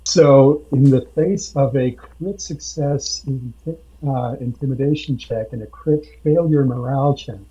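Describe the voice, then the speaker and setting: A man speaks slowly in a husky, dark voice, halting often as he recounts a tabletop game session. His audio is dull and lo-fi. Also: mid-range voice. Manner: slow, halting with many fillers. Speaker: podcast guest, game master. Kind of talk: casual podcast storytelling. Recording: dull lo-fi sound.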